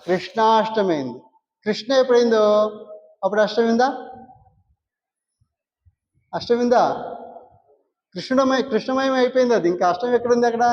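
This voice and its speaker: A man with a Rayalaseema Telugu accent gives a devotional discourse as a spiritual teacher, asking his listeners questions and answering them himself. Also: high-pitched. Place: prayer hall. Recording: muffled recording with long hall reverb.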